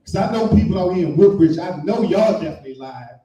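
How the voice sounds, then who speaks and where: A man's voice: sits high, animated, fast, mellow. A man doing a stand-up comedy set, telling a story and acting out the voices of the people in it. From Washington, D.C. area. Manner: storytelling, acts out voices, sings briefly. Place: live comedy show in a room. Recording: echoey room from far off.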